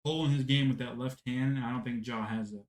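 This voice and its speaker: Man, podcast co-host, casual sports chat, animated, swears, echoey room. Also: medium pitch, quick pace. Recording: roomy echo.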